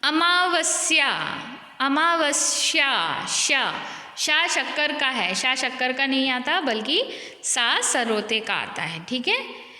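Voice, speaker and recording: A woman teacher with an Indian accent, slowly going through spelling corrections word by word, drawing each word out. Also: high voice, very animated, pushed and bright. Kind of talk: online grammar lesson. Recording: echoey room with long reverb.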